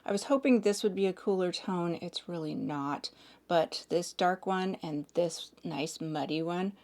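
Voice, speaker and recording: A hoarse woman in her forties chatting casually as she does her makeup, hedging with "like" and "sort of". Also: lowish voice, unhurried, a little mellow. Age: 40s. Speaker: makeup reviewer. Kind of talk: casual chat while doing makeup.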